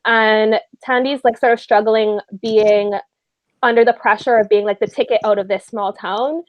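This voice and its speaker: A woman's voice: a little high, steady tone, normal speed, dull audio. Young bajan woman chatting on a book club call, laughs a lot, no room echo at all. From Barbados. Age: 20s. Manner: giggly, chatty. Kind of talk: casual book club livestream chat.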